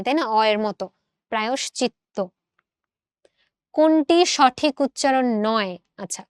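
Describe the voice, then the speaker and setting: A woman's voice: high voice, no echo, studio quality. A woman teaching an exam prep lesson, explaining step by step and repeating words aloud to demonstrate them.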